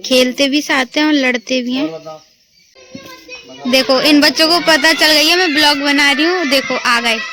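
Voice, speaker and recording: There's background noise as a young woman from India vlogs casually in her neighbourhood, filming on a phone and teasing the children around her. She talks at a normal speed in a high voice.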